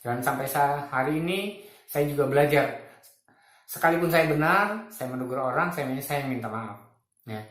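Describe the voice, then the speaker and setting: Give me a man in his fifties sharing reflections in a relaxed, chuckling manner, recorded in a roomy space. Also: fairly high pitch, normal speed. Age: 50s. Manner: colloquial, chuckles often while making points. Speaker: speaker giving spiritual reflections. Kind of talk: casual reflective talk.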